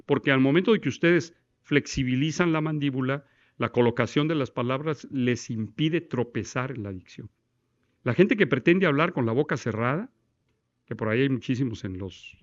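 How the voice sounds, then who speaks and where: A man's voice: mid-range voice, highs cut off. A man teaching a class on breathing and diction, demonstrating exercises and quizzing his students. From Mexico. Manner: demonstrative, asks the class questions, recites verse in one breath. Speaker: law course instructor. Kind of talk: classroom lecture on voice technique.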